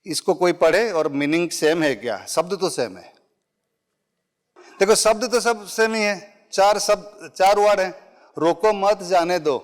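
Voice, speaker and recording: His voice is high-pitched and his pace measured as this middle-aged man conducts a public speaking workshop before a live audience. The tone is conversational, English phrases are mixed in, and everyday examples back up what he says.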